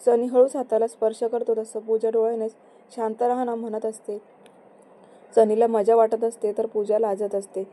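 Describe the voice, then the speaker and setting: Mellow, flat-toned woman narrator. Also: fairly high pitch, moderate pace, poor audio. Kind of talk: scripted story narration.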